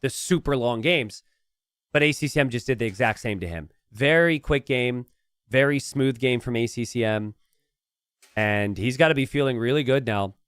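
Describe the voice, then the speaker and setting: A man casting a strategy game live uses a medium-pitched, slightly bright, smooth voice with no room sound. He delivers it like an esports caster, drawing out the important words for emphasis.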